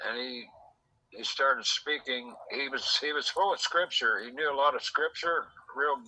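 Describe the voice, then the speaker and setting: A man's voice: medium pitch, normal speed, bright, forceful tone, rough recording. A man telling a rambling story in casual chat, quoting people in dialogue, recorded in a secretly taped conversation. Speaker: host.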